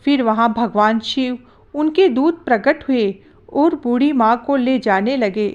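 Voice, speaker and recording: Slow, higher-voiced woman telling a folk tale. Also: highs cut off. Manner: slow, plain storytelling with simple repetitions. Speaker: storyteller. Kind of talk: devotional folk story narration.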